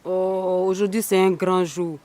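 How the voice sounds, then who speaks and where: A woman's voice: on the low side, flat delivery, measured pace, warm tone, lightly acted. An actress playing an outspoken village woman who coached the chief, with a Burkinabè French accent. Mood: coaxing.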